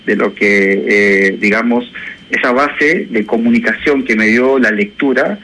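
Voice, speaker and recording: A man's voice: medium pitch, measured pace, bright, forceful tone, low-quality recording. A man from Chile, an education professor speaking as a guest in a radio interview, thoughtful and hesitant, with many fillers. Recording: radio broadcast with faint noise.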